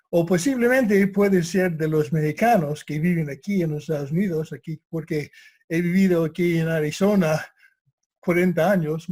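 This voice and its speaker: An older man, an English speaker, reflects on karate in Spanish. He speaks very slowly and hesitantly, often pausing to find words. His voice sits fairly high and has a warm, mellow tone. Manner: hesitant, searching for words with many pauses. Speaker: karate instructor, guest. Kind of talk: reflective conversational talk.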